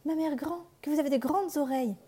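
A woman voicing a young, innocent village girl in a storybook reading, with a high, sweet voice. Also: a little fast, warm tone, natural voice.

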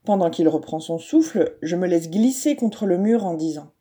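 Woman reading a children's story warmly. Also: fairly low pitch, lively intonation, normal speed, slightly rough.

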